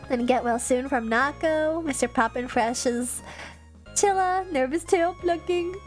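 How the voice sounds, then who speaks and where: A woman's voice: high-pitched, unhurried, soft background music. A young woman streamer with a stuffed-up nose, chatting and giggling as she reads fan messages. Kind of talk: casual live-stream chat.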